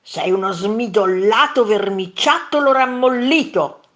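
Lady putting on a grumpy monster yelling back, kids storybook, big swoopy voice. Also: fairly low pitch, expressive, slow pace, gravelly, full character voice. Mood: angry yelling. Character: grumpy bickering monster across the mountain.

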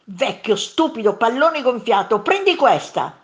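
A woman voicing a quarrelsome, hot-tempered monster in a children's story read aloud, shouting insults in a raised, lively voice. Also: medium pitch, slow pace. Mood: angry shouting.

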